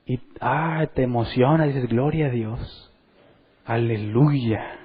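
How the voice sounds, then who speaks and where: A man preaching a sermon in church, lively, and acting out the voices of the people he quotes. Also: mid-range voice, slow, breathy edge, muffled recording. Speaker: pastor.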